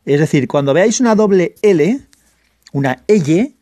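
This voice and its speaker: A man from Valencia with a Valencian Spanish accent, hosting his own channel in a casual explainer monologue. He is patient and restates his points with frequent pauses. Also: a little high, lively intonation, dark tone, dry recording, studio quality. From Valencia, Spain. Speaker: channel host.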